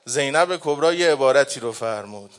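A man preaching a mourning sermon, chanting the lament slowly and drawn-out, swinging between hushed and loud. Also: medium pitch, animated. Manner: slow, drawn-out delivery.

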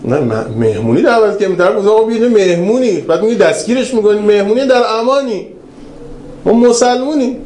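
A man preaching a religious lecture, telling stories in an animated way that swings between raised and hushed passages. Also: high-pitched. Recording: roomy hall with faint ambience.

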